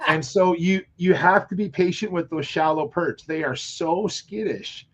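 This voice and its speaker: A man on a live fishing show, telling long rambling stories with animated quoted asides. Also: fairly high pitch, a little slow. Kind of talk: casual chat on live show.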